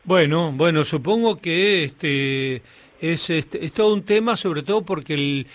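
A man's voice: fairly high pitch, a little slow. A man with an Argentine accent hosting a radio interview, talking in a loose way with lots of fillers. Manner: conversational, filler-heavy with "este". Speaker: radio host.

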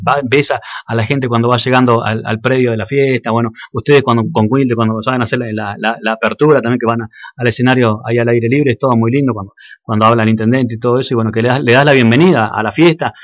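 Argentine man, radio announcer, fast and halting, dry close sound, casual interview. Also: medium pitch, fairly even intonation, dry recording. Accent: Argentine Spanish. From Argentina, Jacobacci. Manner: hesitant, many fillers and restarts.

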